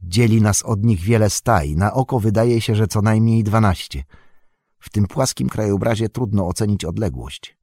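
A man's voice: on the low side, moderate pace, darkish tone, slightly rough, no echo, studio quality. A man voicing a keen-eyed male elf archer who talks eagerly, pointing things out. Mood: calm.

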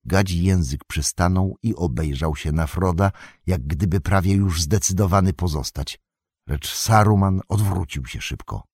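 A man narrating a fantasy novel as an audiobook, in a measured, dramatic storytelling manner. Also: low-pitched, darkish tone, husky, dry recording, clean studio sound.

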